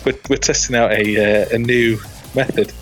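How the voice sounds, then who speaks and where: A man's voice: mid-range voice, steady tone, moderate pace, fairly bright tone, faint music behind. A middle-aged man chatting as a podcast co-host, hesitant and dryly humorous. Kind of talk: casual bantering chat. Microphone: online call, dry sound.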